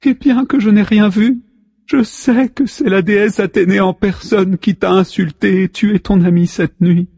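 A man voicing a grieving sea goddess mother who speaks softly, consoling and lamenting her son. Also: high voice, fairly even intonation, unhurried, vocal fry, breathy edge, no echo, in a large hall, voice pushed up, full character voice.

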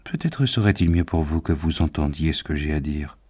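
A man's voice: extremely low pitch, animated, a little mellow, slightly rough, exaggerated voice. Van Helsing, a man voicing a grave old professor. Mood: solemn. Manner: solemn, measured pleading. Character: elderly male professor, grave and patient.

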